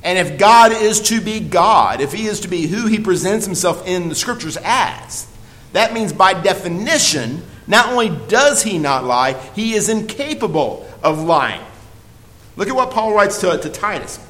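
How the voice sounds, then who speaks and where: A man with a high-pitched voice leads a Bible lesson. He speaks earnestly and presses his points hard, with frequent fillers and restarts. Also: very animated, normal speed, fairly bright tone, rough recording. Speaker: Bible teacher. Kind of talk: Bible study teaching.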